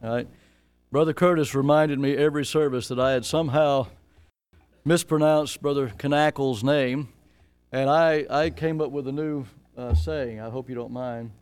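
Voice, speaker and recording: Male pastor, folksy and joking, smooth resonant tone, dry close sound. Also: medium pitch, fairly even intonation, normal speed, a little mellow, dry recording. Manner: folksy, joking, with frequent fillers. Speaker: pastor introducing a guest missionary. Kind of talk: church service introduction.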